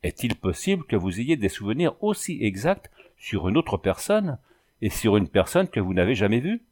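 A man's voice: fairly low pitch, sing-song, moderate pace, a little mellow. A man voicing an earnest young husband who keeps pressing his wife with questions.

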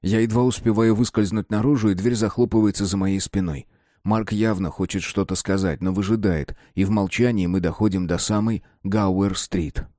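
Male audiobook narrator, low voice, dry close sound, measured first-person reading. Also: fairly even intonation, dark tone, no echo.

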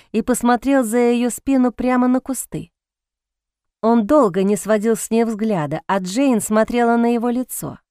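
A woman reading a romance novel aloud in an expressive, dramatic audiobook narration. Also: medium pitch, smooth, no echo, studio quality.

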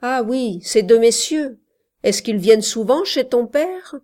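A woman's voice: a little high, expressive, measured pace, mellow. A woman voicing an eager, jealous young male shepherd who asks urgent, pressing questions in a storybook reading.

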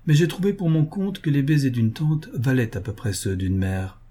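A man reading a sharp-witted young woman. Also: medium pitch, animated, normal speed, voice pushed up, natural voice. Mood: dry.

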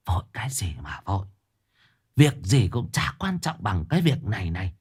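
A male storyteller voicing a secretive, gossiping old village woman who speaks in a hushed, conspiratorial voice. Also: fairly low pitch, sing-song, normal speed, breathy edge.

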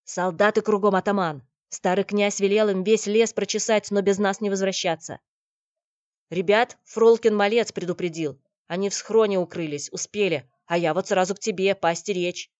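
A woman voicing a bold young male forest outlaw in an audiobook, speaking loudly and urgently. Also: fairly low pitch, normal speed, hardly any pauses, dry recording, lightly acted. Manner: loud and urgent.

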